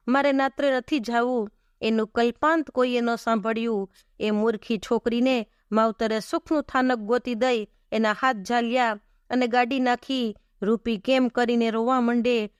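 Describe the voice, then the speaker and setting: A woman narrating a folk tale in an expressive, measured storytelling manner. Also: a little high, smooth, no room sound, studio quality.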